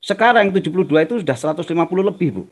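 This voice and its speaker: A man's voice: sits high, expressive, racing. A man giving a religious talk over a video call, answering questions in a folksy way with everyday examples. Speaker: religious teacher. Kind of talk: online Q&A sermon.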